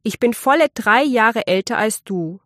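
A woman reading aloud and voicing the middle son of a miller, an easygoing young man who talks calmly and kindly. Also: a little high, normal speed, no room sound, studio quality. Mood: friendly. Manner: calm and friendly.

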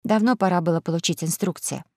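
A woman voicing a bold, self-assured young girl who speaks calmly and firmly, in an audiobook. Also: lowish voice, quick pace, dry recording, studio quality. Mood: defiant.

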